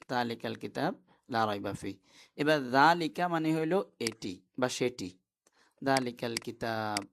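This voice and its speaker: A man's voice: medium pitch, gravelly, slight background noise. A man teaching an online class, who explains step by step and keeps asking his students questions.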